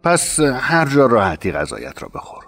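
A man playing a kind, honorable middle-aged master of a household in a narrated story, speaking slowly and gently. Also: medium pitch, huge pitch swings, faint music behind, heavily acted. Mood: gentle.

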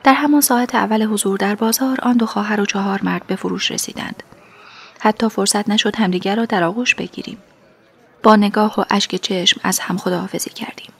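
Woman, audiobook narrator, first-person story, soft half-whispered reading, mid pitch. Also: gravelly.

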